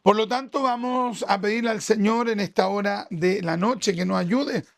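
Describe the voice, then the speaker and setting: A pastor with a Chilean Spanish accent delivers a sermon at church in a high-pitched, creaky voice at a moderate pace. His style is conversational, and he keeps asking the congregation rhetorical questions.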